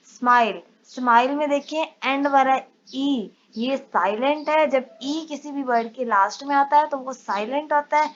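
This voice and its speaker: A woman teaching an English lesson, explaining patiently step by step and reading English definitions slowly. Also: high-pitched, muffled recording.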